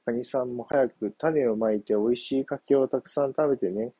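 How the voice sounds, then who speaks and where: A man's voice: mid-range voice, normal speed, mellow, slightly rough, no echo, natural voice. A man voicing a hungry, sly young male monkey in a children's story, whiny and boastful.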